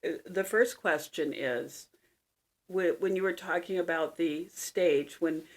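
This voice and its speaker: A woman with a somewhat low voice hosts a conversation about dreams. She explains ideas in a measured, counseling manner. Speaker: dream interpreter host. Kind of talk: counseling interview.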